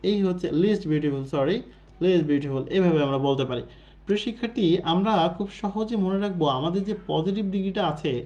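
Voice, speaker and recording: A male teacher in a recorded exam-prep lesson who explains patiently and repeats each point. He asks questions and answers them himself. His voice is mellow and a little high, and the recording sounds slightly dull and muffled.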